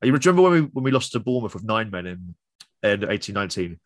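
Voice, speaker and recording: Podcast guy, lowish voice, dry close mic, chatty. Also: big pitch swings, quick pace, no room sound. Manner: chatty, laughs along, tells stories. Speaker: podcast co-host. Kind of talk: casual football chat.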